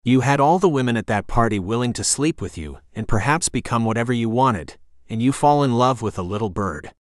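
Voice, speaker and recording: A man's voice: medium pitch, expressive, brisk, no echo, clean studio sound, close to an everyday voice. A man reading the lines of a scheming female witch, taunting and bold, in an audiobook. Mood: mocking.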